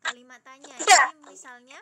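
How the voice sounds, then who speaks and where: A woman teacher giving gentle, praising feedback on a student's storytelling, pausing often with fillers. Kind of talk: encouraging classroom feedback.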